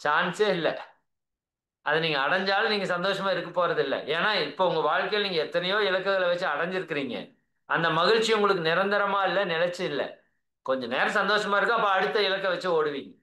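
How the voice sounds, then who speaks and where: Man, Tamil accent, spiritual teacher, video call talk, coaxing, high bright voice. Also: fairly quick, echoey room. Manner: earnest, coaxing, keeps asking "right?".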